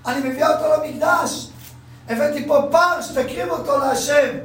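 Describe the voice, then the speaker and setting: A desperate, devout mother cries out in a high, slow, urgent plea, as a male teacher puts her on. The voice rings through a very echoey room, picked up from well off the mic. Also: a bit bright, recorded from a distance. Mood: pleading. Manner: raised pitch, slow urgent pleading.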